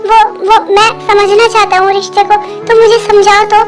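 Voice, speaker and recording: Fan-dub woman as a young husband: very high, flat-toned, stammering apologies, faint music underneath. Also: moderate pace. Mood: remorseful. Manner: pleading, stammering. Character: young husband, anxious and remorseful.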